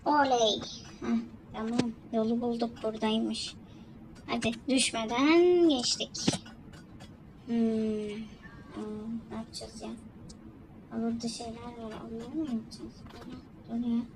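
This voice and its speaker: A woman's voice: a little high, steady tone, a little slow, pauses often, noisy background. A woman doing casual let's-play commentary, talking to herself and the game with jumpy exclamations. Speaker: gamer.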